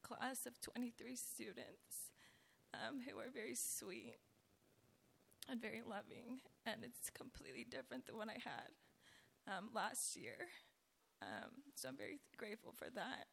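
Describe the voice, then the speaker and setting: A woman with a raspy voice giving a personal church testimony, speaking hesitantly with pauses. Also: a little high, expressive, fairly bright tone.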